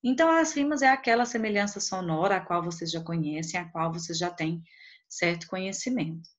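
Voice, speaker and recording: A woman teacher giving a poetry lesson, counting out the syllables of each verse slowly and one by one. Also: on the low side. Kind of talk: online class on poetry. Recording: dull lo-fi recording.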